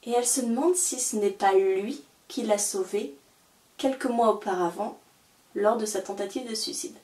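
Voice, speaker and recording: A woman's voice: medium pitch, moderate pace, darkish tone. Chatty young woman in a roomy space. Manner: chatty, enthusiastic, many fillers. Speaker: book vlogger. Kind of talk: casual book haul vlog. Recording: roomy, a little far from the mic.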